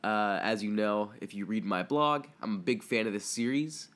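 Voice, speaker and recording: A young man hosts his own podcast in a relaxed, rambling way, dropping ums and uhs as he goes. His voice sits a little low and sounds stuffy from a cold. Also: moderate pace. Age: young adult. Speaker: podcast host. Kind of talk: casual solo podcast chat.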